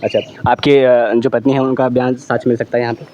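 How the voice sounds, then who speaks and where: A male local news reporter asking questions in a field interview, filling pauses and prompting with quick acknowledgments. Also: mid-range voice, level tone, a little mellow, slight background noise.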